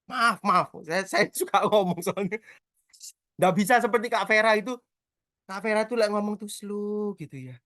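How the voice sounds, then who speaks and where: A man's voice: sits high, no room sound, clean studio sound. A middle-aged man, a church prayer trainer teaching the Bible in a casual, talkative and joking way. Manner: talkative, quick and animated, with self-mocking humor.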